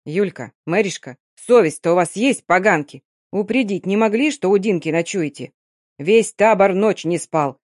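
A woman voicing a stern old Romani grandmother who scolds gruffly. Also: medium pitch, normal speed, darkish tone, no room sound, studio quality, natural voice. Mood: scolding. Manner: gruff and reproachful.

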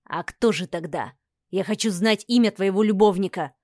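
A woman's voice: medium pitch, normal speed, darkish tone, no echo, clean studio sound, voice pushed down, natural voice. A woman voicing a cruel, arrogant count, a jealous husband who snarls and gives orders. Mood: cold, demanding. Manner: snarling, commanding.

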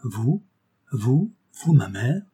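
A man's voice: mid-range voice, sing-song, drawn-out words, dark tone, breathy edge, exaggerated voice. A man doing a joyful little girl. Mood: eager.

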